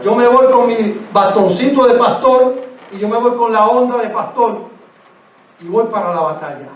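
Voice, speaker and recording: Male preacher, sermon, emphatic and exhorting, high voice, very echoey church, distant mic. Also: moderate pace, slight background noise. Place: church sanctuary.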